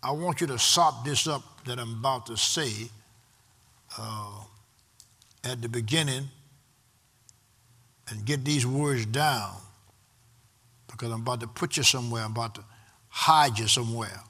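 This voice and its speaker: A man's voice: medium pitch, measured pace, long pauses, bright, forceful tone. A man preaching a sermon, in rhythmic repeated refrains that build in intensity. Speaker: pastor.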